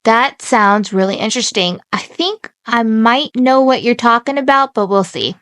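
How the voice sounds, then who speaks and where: A young woman co-hosting a casual podcast, reading a ghost tale with giggles and slow spooky emphasis. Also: on the high side, fairly bright tone, no echo. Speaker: podcast co-host.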